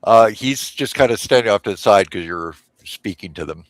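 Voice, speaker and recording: A man narrating as game master, unhurried and hesitant with many fillers. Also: lowish voice, no echo. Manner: hesitant, full of fillers, laid-back.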